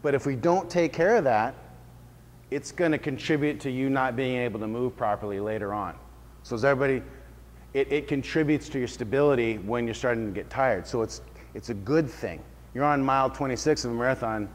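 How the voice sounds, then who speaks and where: A man who trains people in fitness talks briskly in a mid-range voice during an informal workshop, explaining casually and checking in with the group. The recording carries a reverberant hall sound.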